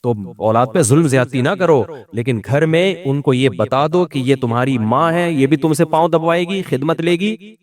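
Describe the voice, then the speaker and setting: Pakistani man giving lively religious advice. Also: a little high. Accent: Pakistani Urdu. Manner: lively storytelling, joking asides, rhetorical questions. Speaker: Islamic scholar giving advice. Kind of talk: informal religious talk.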